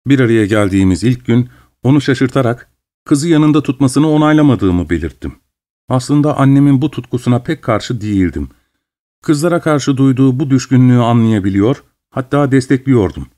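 A man reading a novel aloud in measured first-person narration. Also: medium pitch, a little mellow. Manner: measured, literary storytelling. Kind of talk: scripted audiobook narration.

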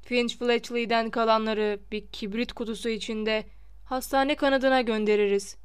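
A woman voicing a cold, scornful male professor in an audiobook, speaking slowly with quiet disdain. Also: a little high, fairly even intonation, smooth, close to an everyday voice. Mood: sneering. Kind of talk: audiobook character reading.

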